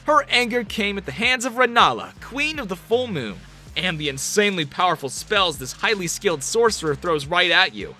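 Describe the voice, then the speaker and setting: A man's voice: high-pitched, sing-song, normal speed, sharp tone, faint music behind. A man reading scripted countdown narration for a video compilation in an upbeat delivery.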